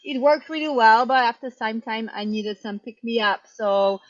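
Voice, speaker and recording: A woman's voice: a little high, normal speed, dry recording, highs cut off. A woman in her thirties from Poland, a bakery owner talking casually about how she started, with lots of ums and easy laughs. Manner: chatty, warm storytelling with frequent ums and light laughs. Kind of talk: casual interview answers.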